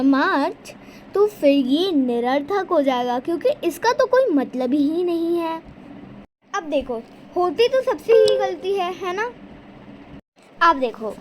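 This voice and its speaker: Woman tutor, high and animated, talky classroom explainer, light background hiss. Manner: chatty, repeats points, asks and answers own questions. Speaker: Hindi tutor. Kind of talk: casual spoken lesson.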